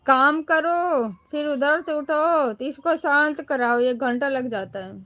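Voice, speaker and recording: A woman with a high voice chats casually on a live stream from home. She talks to viewers in a teasing, friendly way, calling them brother. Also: slow pace, a bit bright.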